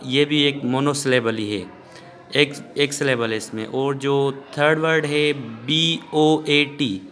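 A man's voice: fairly high pitch, fairly bright tone. Man teaching a grammar lesson. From Pakistan. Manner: mixes Hindi-Urdu with slow English phrases, repeats points. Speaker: school English teacher.

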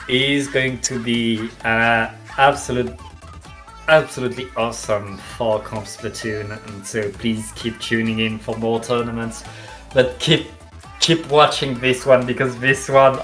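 An esports co-caster giving enthusiastic color commentary with slightly halting phrasing. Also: mid-range voice, fairly even intonation, fairly bright tone, faint music behind.

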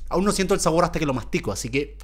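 Animated young man, lively voice. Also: fairly high pitch, racing, faint music behind. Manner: animated, exclaims and groans at gross flavors. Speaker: YouTuber. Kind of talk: casual vlog, challenge commentary.

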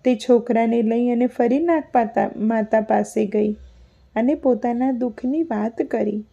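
A woman's voice: a little high, unhurried, vocal fry, warm tone, husky. A woman narrating a devotional folk tale as a storyteller, reading expressively and voicing the characters' lines. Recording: dull lo-fi recording.

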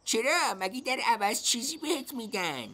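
A woman voicing a sly, scheming cartoon fox who talks in a smooth, flattering way. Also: fairly high pitch, full character voice. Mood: sweet-talking. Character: sly scheming fox, lonely forest trickster. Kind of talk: cartoon voice acting.

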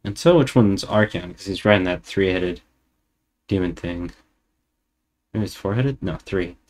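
A man's voice: low-pitched, unhurried, darkish tone. A man streamer giving casual reaction commentary, musing and thinking aloud as he goes. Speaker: streamer reacting to a lore video.

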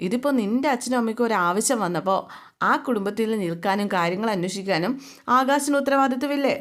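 A woman's voice: fairly high pitch, fast talker, close to an everyday voice. A woman voicing a firm older mother-in-law who lectures her son's wife and then fusses kindly over her, in a retold TV serial story. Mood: scolding.

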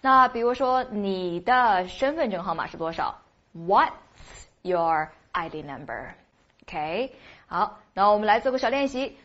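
A woman teaching a spoken English lesson, explaining patiently, asking rhetorical questions and slowly repeating phrases for practice. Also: a little high, a bit bright, dull audio.

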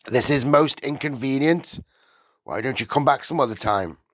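A man's voice: mid-range voice, moderate pace, fairly bright tone, no echo, clean studio sound, voice pushed up, close to an everyday voice. A man voicing a rude, impatient middle-aged father in a storybook, with a curt, dismissive way of snapping out his words. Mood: irritated, curt.

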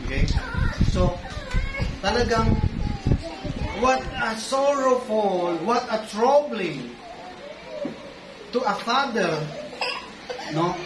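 A man's voice: takes it slowly, pauses often. A man in his thirties with a Filipino accent, seated at a stand mic and preaching a sermon in English and Tagalog, gesturing as he speaks. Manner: animated, gestures widely, rises in pitch for emphasis. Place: small church hall with curtains, indoors. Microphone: stand mic in front, seated, filmed by far camera. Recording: echoey hall mic from a distance, loud background noise.

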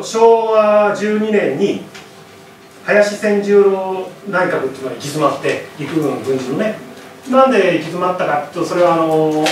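Guy giving a chatty history talk in a lecture hall, mic kinda far off, lots of echo. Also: fairly high pitch. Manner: animated, chatty, constant tag questions. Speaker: lecturer and author. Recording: very echoey hall, far from mic, faint noise.

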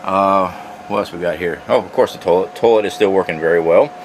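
Low-pitched man giving a casual tour. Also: brisk. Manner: plain-spoken, folksy, addressing viewers as guys. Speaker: vlogger giving a trailer tour. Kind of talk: casual handheld walkthrough narration. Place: outdoors around and inside a small trailer. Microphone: handheld camera or phone mic. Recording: noisy camera audio, outdoor and fan hum.

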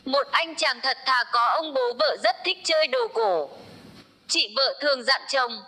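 A woman reading a string of short folk jokes aloud in an even, unhurried storybook manner. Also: sits high.

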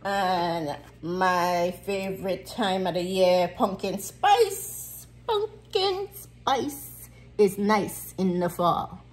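Speaking to camera from her kitchen at home, this middle-aged vlog host with a US Virgin Islands Caribbean accent sounds animated, stretching out her words in a mid-range voice. Her casual chat is emphatic and full of repeated phrases.

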